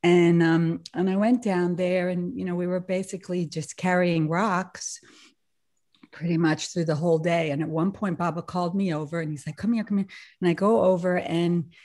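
A woman's voice: lowish voice, moderate pace. A woman on a video call sharing a personal story with a group, laughing often as she talks. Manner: animated, laughing often, many restarts. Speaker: satsang participant sharing a story.

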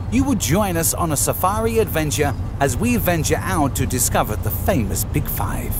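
A man reading scripted nature documentary narration in a measured, formal way. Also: fairly high pitch, noisy background.

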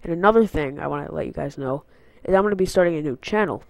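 Fast and creaky, the high-side male voice of a teenage gaming channel host comes through a dry recording. He has a congested nose from a cold and rambles casually through a channel update on an unfamiliar headset mic, full of fillers and tangents.

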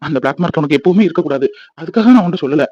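A man's voice: on the high side, expressive, dull audio, noisy background, close to an everyday voice. A man voicing a loving young husband in a cartoon, earnest and reassuring. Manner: soothing, coaxing, explaining quickly.

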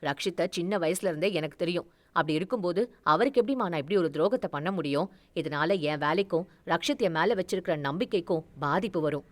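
A woman's voice: fairly low pitch, voice pushed down, natural voice. A woman reading a story aloud voices a strict but kind older female doctor who speaks firmly and scolds. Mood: stern. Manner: firm, scolding, measured.

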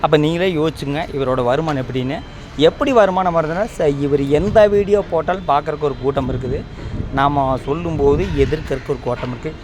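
Higher-pitched man, critical and admonishing. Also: fast, slight background noise. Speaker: YouTube channel host. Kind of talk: opinionated commentary.

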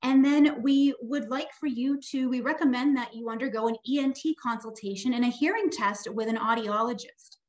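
A woman audiologist presenting on a video call webinar, explaining in a steady, informative way. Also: fairly high pitch, moderate pace, few pauses, lo-fi sound. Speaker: audiologist and tinnitus specialist.

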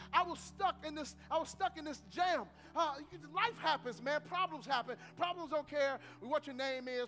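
A man's voice: very high voice, bright, forceful tone. A man preaching a sermon as pastor, repeating phrases for emphasis and leading call-and-response. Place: church sanctuary.

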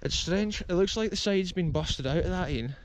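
A Scottish man in his thirties films himself on a close-held action camera while exploring an open grassy field, eagerly giving walking-tour commentary and calling viewers "folks." His voice is high and animated at a normal speed, with a little hiss or hum on the audio.

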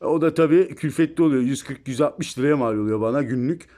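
A man's voice: medium pitch, a little fast, dark tone. A man chatting casually to viewers about his cat in a home video, filmed on a phone indoors. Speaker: pet vlogger.

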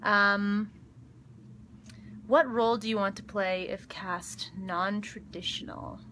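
Young actress, casual live-stream chat, bright tone, chatty with lots of ums. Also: female voice, medium pitch, fairly even intonation, slow pace, slight background noise. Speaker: actress answering fan questions. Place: backstage dressing room. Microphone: phone livestream.

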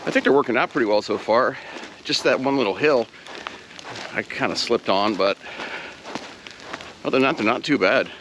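A man from Ohio talks casually to a handheld camera while hiking a snowy trail. He sounds easygoing and self-deprecating, with plenty of "uh" fillers at a middling pitch. Faint outdoor noise hangs behind him. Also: moderate pace, pauses often. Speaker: outdoor vlogger.

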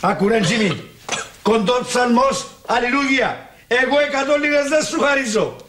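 An actor playing a stingy, grumbling old uncle in a sitcom, speaking with a Cypriot Greek accent and theatrical exasperation. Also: male voice, very high-pitched, fairly bright tone, slight background noise. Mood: grumbling refusal. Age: older. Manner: exasperated, theatrical sighing and cursing. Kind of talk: TV sitcom acting.

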